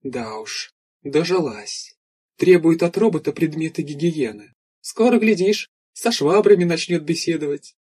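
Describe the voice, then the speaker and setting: A man's voice: fairly high pitch, lively intonation, unhurried, darkish tone, slightly rough. A man voicing a young woman who mutters wry, self-mocking remarks to herself.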